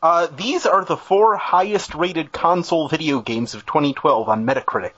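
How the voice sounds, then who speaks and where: A man's voice: on the high side, normal speed, a bit bright, dry recording. A man co-hosting a podcast who reads out questions and plays along with the jokes. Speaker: podcast co-host reading questions. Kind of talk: casual comedic chat. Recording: dull lo-fi audio.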